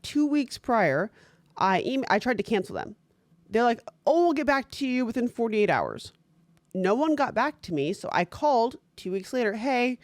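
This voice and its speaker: A woman's voice: mid-range voice, dry recording. Blunt, swearing young woman podcast co-host. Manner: blunt, swears freely, acts out quotes. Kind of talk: casual chat.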